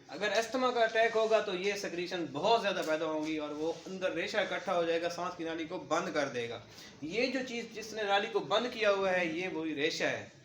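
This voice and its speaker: A man's voice: high-pitched, a bit bright, echoey room, a little hiss or hum. A man giving a medical lecture to paramedic trainees, explaining through lists and patient examples.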